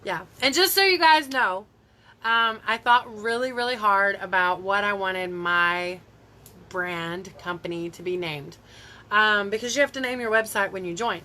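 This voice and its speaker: An unhurried, medium-pitched voice, pushed and bright, belongs to a beauty vlogger from Tennessee. She's chatting casually into her phone on a live stream at home, rambling and reacting to her viewers' comments.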